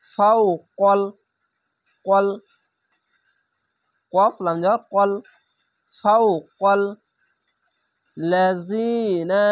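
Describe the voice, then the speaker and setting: A man teaching Quran reading step by step. He draws each Arabic word out slowly, says it twice, then patiently explains how to pronounce it. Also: high voice, dry recording. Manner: stretches Arabic words slowly, then explains the rules plainly. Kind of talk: step-by-step recitation lesson.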